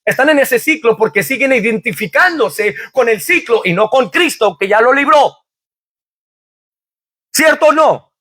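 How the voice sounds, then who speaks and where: A man's voice: extremely high pitch, animated, measured pace, pushed and bright. A man preaching a sermon in a church as pastor, quoting scripture fervently and asking the congregation rhetorical questions.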